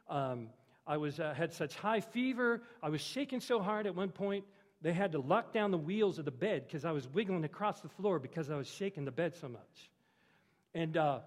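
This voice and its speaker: A man's voice: on the high side, big-room sound. A man preaching a sermon in a conversational storytelling way, his voice rising and dropping for emphasis. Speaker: pastor.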